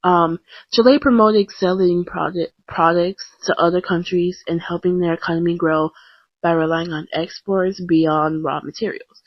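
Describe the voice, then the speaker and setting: Here a young woman talks in a relaxed podcast manner, poking fun at herself with lots of ums and restarts. She keeps a steady tone at normal speed and a fairly low pitch. A close mic and blank screen capture a dull lo-fi home recording with no echo.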